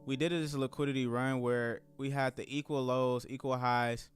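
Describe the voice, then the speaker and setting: A man in his thirties talking casually to his live-stream viewers, calling them guys and y'all. He rambles in a relaxed way at a medium pitch. Faint music plays underneath. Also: moderate pace, smooth, no echo. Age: 30s. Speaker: trading streamer.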